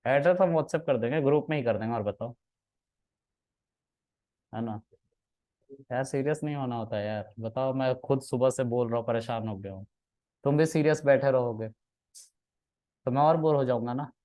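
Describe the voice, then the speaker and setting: A man's voice: mid-range voice, normal speed, long pauses, dark tone. A man teaching a class as their trainer, teasing his students in playful, casual banter and mixing in English words.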